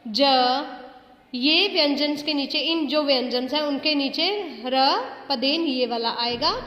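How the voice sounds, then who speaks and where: A woman's voice: high-pitched, measured pace, fairly bright tone. A woman teaching a grammar lesson, explaining patiently with repeated questions, mixing phrases into her talk and stretching out example words. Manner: mixes English phrases into Hindi. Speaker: school teacher. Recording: echoey room with long reverb.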